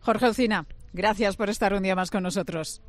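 A woman hosting an afternoon radio program, talking in a lively, conversational way and prompting her guests. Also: medium pitch, fairly quick. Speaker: radio host.

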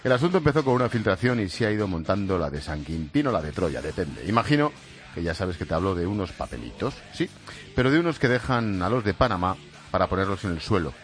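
A man's voice: sits low, sing-song, fast talker, soft background music. A man hosting a radio show, talking straight to the listener in a conversational way. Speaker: radio host.

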